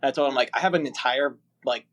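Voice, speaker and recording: A man's voice: mid-range voice, fast talker, fairly bright tone. A young man from the Philadelphia area, a musician guest chatting casually and rambling a bit. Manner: rambling, easygoing, lots of fillers. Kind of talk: casual interview.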